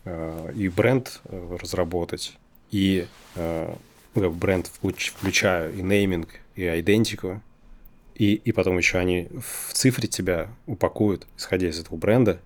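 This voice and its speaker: A man who has trouble pronouncing the letter r, talking casually and hesitantly as an interview guest, thinking aloud with drawn-out pauses. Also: sits low, steady tone. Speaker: interview guest, design company executive.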